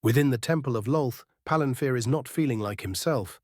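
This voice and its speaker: A man's voice: mid-range voice, brisk, darkish tone, no room sound, clean studio sound. A man reading scripted fantasy narration as a storyteller.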